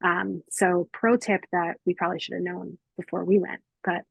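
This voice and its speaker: A woman's voice: lowish voice, flat delivery, moderate pace, creaky, breathy edge, no room sound, muffled recording. A woman with an American accent chatting casually and informally as a travel podcast co-host.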